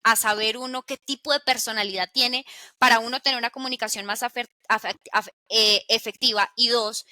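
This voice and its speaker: A woman with a very bright, somewhat high voice and a dry, close sound. She speaks as a reflective interviewer, deliberately stretching key words while she builds a point. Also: no echo.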